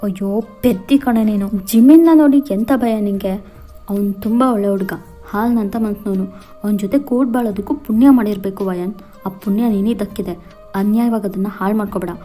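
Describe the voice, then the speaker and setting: A woman's voice: medium pitch, a little fast, dark tone, soft background music, close to an everyday voice. A woman voicing a middle-aged mother who lectures her daughter in a scolding tone.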